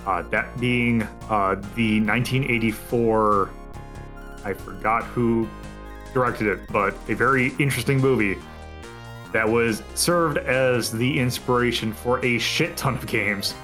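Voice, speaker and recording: A man hosting a casual podcast, talking in a relaxed, rambling way with plenty of fillers. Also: mid-range voice, a little slow, soft background music. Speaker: podcast host. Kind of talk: casual chat.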